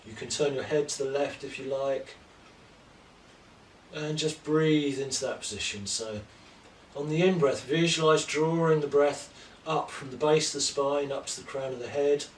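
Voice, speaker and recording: Male yoga teacher, soft and unhurried guided instruction, recorded from a distance in an echoey room. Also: on the high side, a little hiss or hum. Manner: slow, gentle, calm cueing of breath and poses. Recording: roomy echo, distant mic, faint ambience.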